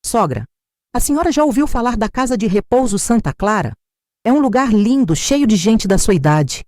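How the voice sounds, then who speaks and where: A woman's voice: a little high, sing-song, normal speed, a little mellow, no echo, clean studio sound, pitched above the performer's own voice. A woman voicing a scornful young daughter-in-law who mocks with false, sugary concern. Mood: fake sweet. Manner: mocking, falsely caring.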